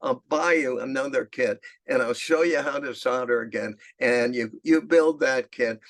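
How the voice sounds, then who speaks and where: An older man with a gravelly voice voicing a blunt, good-humored male radio shopkeeper. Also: mid-range voice, normal speed, a bit bright, natural voice. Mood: amused. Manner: blunt, amused, calls everyone "kid".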